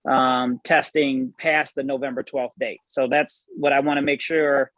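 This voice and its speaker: A man's voice: medium pitch, level tone, measured pace, a bit bright, dry recording, poor audio. A man speaking as an attorney at a meeting, carefully explaining and rephrasing legal wording. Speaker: village attorney.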